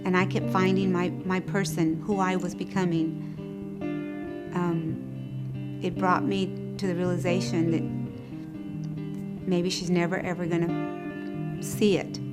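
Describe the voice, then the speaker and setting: Reflective woman speaking softly over guitar. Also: lowish voice, little pitch movement, slow, long pauses. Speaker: documentary interviewee. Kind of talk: emotional personal account. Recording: guitar music underneath.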